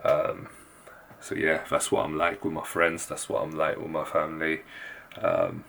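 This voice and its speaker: A man keeping his voice very low and hushed, talking casually to viewers in a home vlog. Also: very animated, a little slow, gravelly, slight background noise. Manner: very low, hushed voice so as not to wake others. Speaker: fitness vlogger and host. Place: indoors at home at night.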